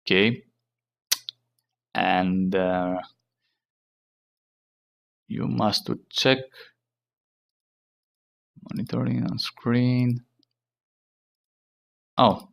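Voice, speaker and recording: A man hosting a casual tech tutorial in halting, non-native English, repeating himself and using fillers. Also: fairly low pitch, fairly even intonation, gravelly. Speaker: tech channel host.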